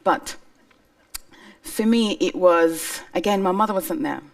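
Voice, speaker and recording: Low-voiced woman telling her story on stage. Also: slow pace, creaky, recorded from a distance. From Somalia. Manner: earnest, emphatic storytelling. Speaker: speaker on stage. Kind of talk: personal testimony talk. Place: stage before an audience.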